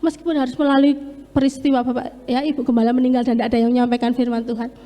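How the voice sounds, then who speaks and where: A lay preacher gives an earnest, emphatic testimony during a church sermon, slipping into Javanese words. Her voice is fairly high and warm, delivered flatly and rapid-fire, recorded in an echoey church hall with long reverb.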